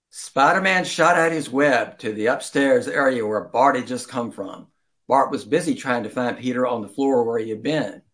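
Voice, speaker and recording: With occasional stumbles and throat-clearing, an amateur male storyteller works deliberately through a children's story. He has a mid-range voice with a fairly bright tone.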